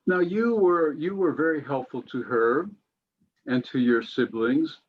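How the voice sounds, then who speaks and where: Man interviewing gently, dull audio. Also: on the high side, measured pace, slight background noise. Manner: gentle, probing questioner. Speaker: moderator. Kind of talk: interview questions.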